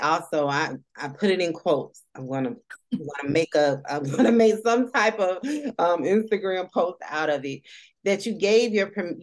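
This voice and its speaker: A woman hosting a social work career podcast, asking questions in an enthusiastic, affirming way. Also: sits low. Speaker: podcast host, social worker. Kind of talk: podcast interview.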